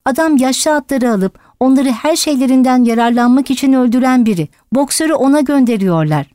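A woman voicing an old grumpy male donkey who shouts urgent warnings. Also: high-pitched, animated, brisk, dry recording, studio quality, voice pushed up. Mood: alarmed shouting.

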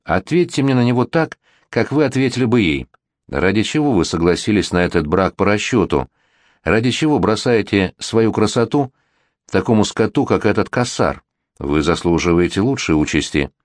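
A man's voice: lowish voice, animated, normal speed, no room sound, clean studio sound, natural voice. A man reading a gallant, insistent prince regent. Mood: earnest. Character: worldly, flirtatious middle-aged male prince regent.

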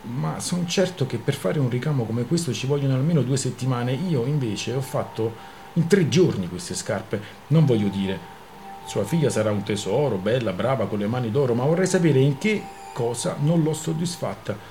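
A man doing a smooth-talking merchant suitor. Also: mid-range voice, animated, normal speed, dark tone, soft background music, natural voice. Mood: persuasive. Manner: persuasive, ingratiating.

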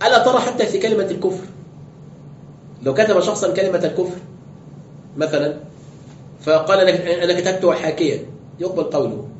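Fast-talking sheikh lecturing. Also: male voice, sits high, a little hiss or hum. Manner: explanatory, rhetorical questions, quotes and reads texts aloud. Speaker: sheikh teaching exegesis. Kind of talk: classroom lecture with commentary. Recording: roomy, dull lo-fi lecture recording.

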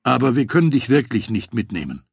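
A man's voice: medium pitch, very animated, fairly quick, vocal fry, breathy edge, no room sound, studio quality, heavily acted. A male narrator voicing flustered, regretful male FBI agent colleagues in an audiobook. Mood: apologetic.

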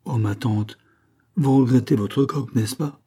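Guy reading doing a smug young rogue, pompous, declaiming, husky dark voice. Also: mid-range voice, measured pace. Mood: mock-sweet. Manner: grandly mocking, declamatory. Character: cheeky young man, mock-pompous and hungry.

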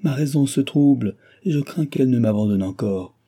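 A man's voice: mid-range voice, normal speed, mellow, lightly acted. A man reading the part of a tearful, compassionate old man who laments in solemn exclamations, in an audiobook. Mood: lamenting. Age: older.

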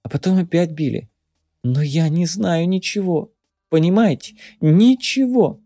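A battered young captive in an audiobook, gloomy and guilt-ridden, his words squeezed out between wheezes and coughs, as a man reads him aloud. The voice sits higher than the narrator's own, warm and mellow in tone, recorded close and dry. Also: moderate pace, no room sound, close to an everyday voice. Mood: desperate. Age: teens.

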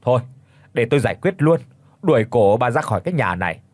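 A man voicing a shrill, spiteful middle-aged daughter-in-law in an audiobook, hissing and scornful. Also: sing-song, fast talker, dry recording. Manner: hisses and shrieks, scornful.

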